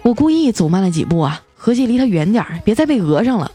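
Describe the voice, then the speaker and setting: Lively woman comic storyteller. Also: mid-range voice, quick pace, slightly rough, soft background music. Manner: playful, punchline-driven delivery. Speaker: comedy podcast host.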